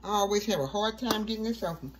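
A woman's voice: medium pitch, fast, background noise. Woman talking through a home recipe. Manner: relaxed, step-by-step, chatty asides. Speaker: cooking show host. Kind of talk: casual cooking demonstration.

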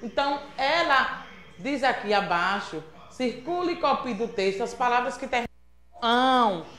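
Bright, a little high and expressive at normal speed, this woman from Sergipe, Brazil, teaches a remote lesson to small children. As a primary school teacher, she prompts them patiently in a sing-song manner, often asking "certo?". The room is echoey.

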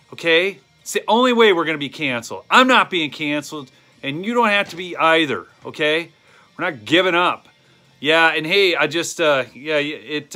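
This channel host is a man in his thirties with a Minnesotan accent, livestreaming casually from indoors in a small wooden shed or garage. With the phone camera held close, he addresses viewers directly and rambles full of ums, his voice fairly high, bright and pushed.

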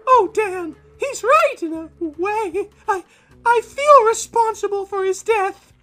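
A woman plays a young newlywed bride in a horror comic tale. The voice is extremely high and slow, melodramatic and timid, with music behind. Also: lively intonation, bright, forceful tone, heavily acted. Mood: frightened.

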